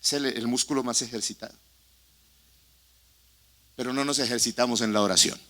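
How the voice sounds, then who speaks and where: A man's voice: medium pitch, fairly even intonation, moderate pace, sharp tone. A male pastor preaching a sermon in a church sanctuary, impassioned and putting questions straight to the congregation.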